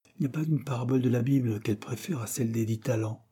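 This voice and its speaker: A man's voice: mid-range voice, fast talker, mellow, husky, lightly acted. A man voicing an earnest, polite schoolboy who speaks eagerly and respectfully.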